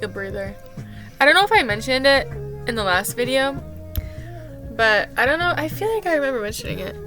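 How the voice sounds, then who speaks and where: A woman's voice: fairly high pitch, a bit bright. A young woman and camp counselor telling a casual storytime vlog, rambling and exasperated, with lots of "like". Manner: exasperated rambling rant, heavy use of "like".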